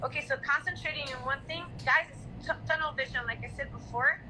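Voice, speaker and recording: A woman's voice: sits high, brisk, noisy background. A woman from Brazil hosting a casual live stream from her apartment, answering viewers' questions and talking in loose, repetitive speech full of "guys" and "like". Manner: filler-heavy, repeats "guys" and "like". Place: apartment in a hot humid city.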